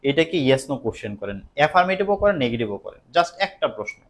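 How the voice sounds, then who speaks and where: A man's voice: medium pitch, big pitch swings, brisk. A man teaching English grammar in a recorded online lesson, explaining in Bengali and patiently repeating each example.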